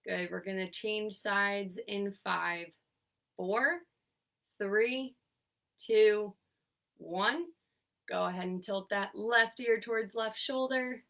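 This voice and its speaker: A young woman occupational therapist, congested and stuffy from sinus trouble, leads an online seated exercise class, cheerfully encouraging everyone and counting down each hold. Her mid-range voice is gravelly yet fairly bright, slow-paced with long pauses. She's recorded from a distance.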